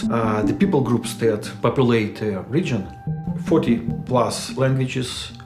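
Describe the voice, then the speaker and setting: A man, a missionary telling his story in an interview in a measured, reflective way. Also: medium pitch, creaky. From Ukraine. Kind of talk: personal testimony interview. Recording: roomy echo with music underneath.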